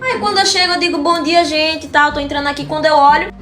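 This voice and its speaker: Woman, high voice, rapid delivery, animated comic storyteller. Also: soft background music. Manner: animated, exclamatory, fast-talking.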